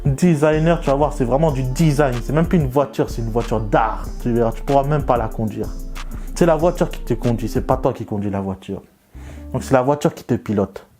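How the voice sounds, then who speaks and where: A young man vlogging casually while he draws. He talks in slang, mocks himself and jumps up into excited bursts. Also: mid-range voice, fairly quick, soft background music. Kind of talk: casual joking commentary while drawing.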